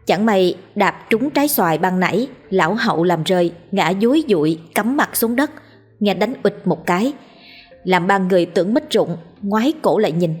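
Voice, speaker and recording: A woman narrating a scripted audiobook story in a lively comic way. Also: medium pitch, normal speed, breathy edge, faint music behind.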